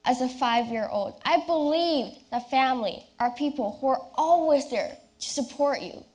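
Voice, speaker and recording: A young woman delivering a rehearsed, memorized competition speech as a personal story, with deliberate, theatrical phrasing and dramatic pauses. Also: sits high, lively intonation, a little mellow. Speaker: youth speech competition contestant.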